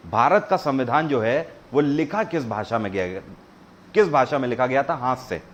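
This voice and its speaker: A man leads a live online quiz lesson at an ordinary middle pitch with lively intonation, reading each question slowly before explaining it and urging viewers to answer. He mixes English terms into his Hindi explanations, and a faint background hum runs beneath his voice on dull audio.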